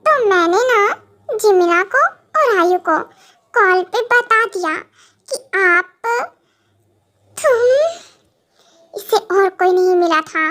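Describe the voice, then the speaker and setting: A woman's voice: very high-pitched, expressive, slow pace, long pauses, pushed and bright, heavily acted. A woman voicing a bubbly, naive young wife in a fan audio drama, giggling and whining in a childlike way. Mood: giggly, whiny.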